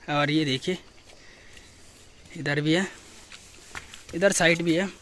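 A man's voice: on the high side, a little hiss or hum. A young man from Uttarakhand narrating a walking vlog through his hill village, recorded outdoors on a handheld camera, greeting neighbours as he goes. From Uttarakhand, India. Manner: chatty, greets villagers warmly with loud calls. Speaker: vlogger.

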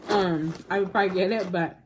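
A woman in a casual food vlog, talking through her verdict on a pizza in a fairly low voice. She hesitates with frequent ums and "like", and faint noise sits behind her. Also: fairly even intonation, fairly quick. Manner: hesitant, many fillers and "like". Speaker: mukbang vlogger. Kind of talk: casual food review chat.

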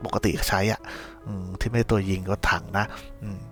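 Low-voiced man recapping a show. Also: fairly even intonation, normal speed, soft background music. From Thailand. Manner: rambling, slangy, many restarts. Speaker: podcast host recapping a series. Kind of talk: casual spoiler recap chat.

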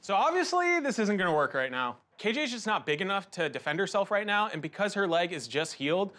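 A man's voice: high-pitched, very animated, brisk, bright, forceful tone. A man hosting at a farm sanctuary, chatting in an upbeat way outdoors and coaxing the animals playfully. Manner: upbeat, talks to goats playfully. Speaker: sanctuary founder and show host. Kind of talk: casual chat on a farm. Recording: with music underneath.

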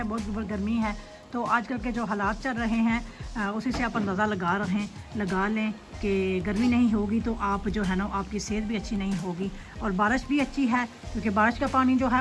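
Woman from Pakistan, casual home vlog, slightly high voice, unhurried delivery, phone mic at an open door, music under the voice. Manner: slow, thoughtful, with many fillers. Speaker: vlogger filming her garden in the rain. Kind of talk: casual vlog chat, switching between English and Urdu. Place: at an open back door of a house, looking onto a garden. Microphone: phone camera held in hand.

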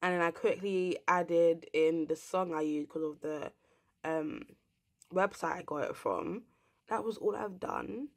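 A woman's voice: on the low side, a little slow. A young woman from England, ranting casually to camera as a vlogger, rambling and swearing bluntly.

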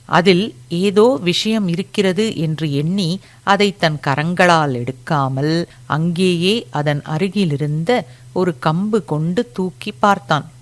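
A woman narrating a serialized story chapter in a measured, deliberate reading. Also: on the low side.

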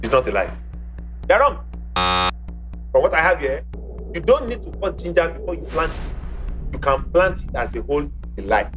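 Speaking at normal speed with long pauses, a middle-aged quiz host uses a slightly bright, sing-song voice on a television studio set. He plays it theatrically, varying his pitch and lingering on key words, captured by a lapel mic over faint background music.

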